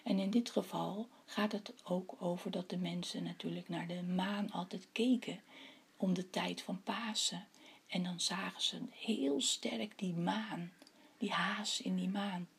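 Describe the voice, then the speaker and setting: A woman's voice: fairly low pitch, steady tone, unhurried, gravelly, breathy edge. A woman reading a legend aloud and then talking to her listeners, giving them a task. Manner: addresses listeners with tasks. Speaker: storyteller.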